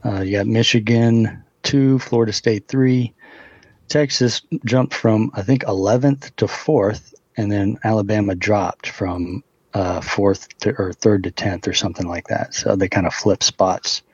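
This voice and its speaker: A man co-hosting a casual sports podcast over a muffled remote call, talking in a measured way, running through facts with fillers. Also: lowish voice, fairly even intonation, breathy edge, no echo. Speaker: podcast co-host.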